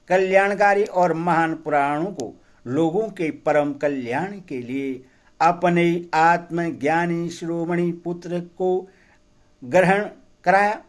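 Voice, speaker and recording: Slow, solemn male scripture reader. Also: fairly high pitch. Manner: measured, solemn recitation. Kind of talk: devotional scripture reading.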